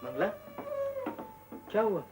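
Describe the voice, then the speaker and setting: A man's voice: slow pace, music in the background, close to an everyday voice. An actor playing a kind young man who speaks with concern and soothes, from an old film soundtrack. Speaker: young man, son of the house. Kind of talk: 1960s film acting.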